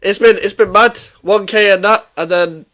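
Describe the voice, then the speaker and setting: A man's voice: high voice, moderate pace, pushed and bright. A man chatting casually and easily in slang as a football fan panelist. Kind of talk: casual chat.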